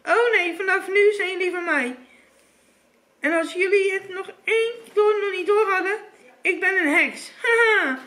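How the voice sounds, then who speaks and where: A woman's voice: a little slow, pushed and bright, heavily acted. A woman voicing a cruel, crooked old witch who cackles and snaps. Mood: gloating. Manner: shrill, cackling, snapping.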